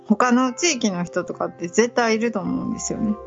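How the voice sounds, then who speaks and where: A woman's voice: on the high side, fairly quick, muffled recording, faint music behind. A woman from northern Osaka with a light Hokusetsu Kansai accent, co-hosting a casual podcast chat and politely agreeing often. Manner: polite, agreeable, frequent backchannels. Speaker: podcast co-host.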